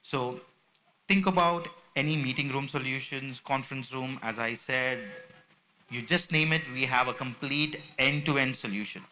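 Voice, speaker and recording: A man's voice: medium pitch, moderate pace, bright, forceful tone, low-quality recording. A man giving a podium speech as a company representative, presenting products with slides in a salesman-like, explaining manner. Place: symposium venue, speaking at a podium. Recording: background noise from a live event room.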